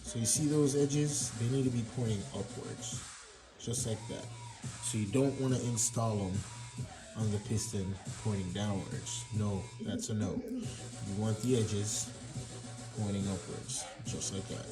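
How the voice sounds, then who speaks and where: A man with a Jamaican accent giving a casual hands-on workshop tutorial, relaxed and chatty with plenty of fillers and restarts. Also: lowish voice, measured pace, over music, rough recording. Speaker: mechanic demonstrating engine assembly. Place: home garage workshop.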